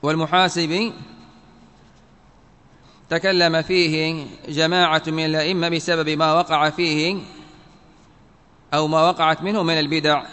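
A man's voice: on the high side, sharp tone, clear, resonant tone. A man giving a religious lesson, reading a classical text and carefully spelling out how each word is vowelled. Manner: spells out word vowels carefully, reads quotes then explains. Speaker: Islamic teacher. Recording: long hall reverb.

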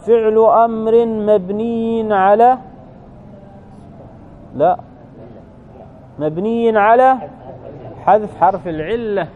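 A man's voice: high-pitched, phone-quality sound, slight background noise. A man teaching an Arabic grammar lesson, repeating key phrases and checking in with his listeners.

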